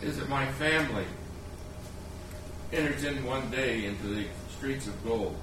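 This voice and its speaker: A man's voice: medium pitch, measured pace. A middle-aged man, a former missionary, telling a reflective story to an audience. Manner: earnest, storytelling. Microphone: distant room mic. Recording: very echoey, distant, hissy.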